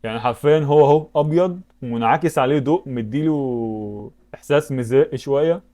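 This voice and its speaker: A man's voice: medium pitch, fairly quick, dark tone. A man with an Egyptian Arabic accent giving casual commentary while playing web games, thinking aloud and breaking into sudden exclamations. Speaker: YouTuber.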